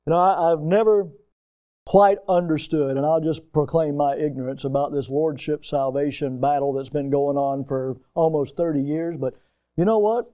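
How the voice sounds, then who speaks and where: Male preacher, high voice, emphatic delivery in a sermon. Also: normal speed. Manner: emphatic, rising to loud peaks.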